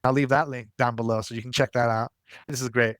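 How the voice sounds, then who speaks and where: A man's voice: mid-range voice, steady tone, fast, a bit bright, dry recording. Man hosting a casual tutorial, dry close sound. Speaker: tutorial host. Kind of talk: casual scripted tutorial narration.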